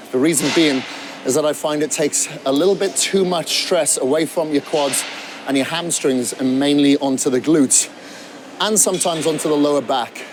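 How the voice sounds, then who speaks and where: A man's voice: a little high, background noise. A man coaching beginners through a gym workout, talking while he demonstrates exercises and sometimes out of breath. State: out of breath at times. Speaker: fitness trainer.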